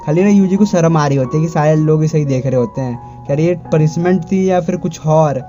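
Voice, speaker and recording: A man's voice: fairly high pitch, brisk, dark tone, soft background music. A man casually retelling an anime episode, stringing events together in a rambling way with frequent restarts. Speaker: anime recap narrator. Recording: dull lo-fi recording.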